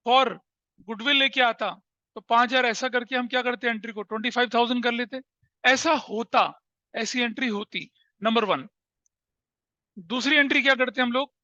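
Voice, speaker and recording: A man's voice: very high voice, bright, forceful tone, dry recording, highs cut off. A man teaching accountancy in a classroom with an Indian accent, explaining step by step and asking rhetorical questions. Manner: explaining with rhetorical questions, mixing English terms. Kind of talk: classroom lecture.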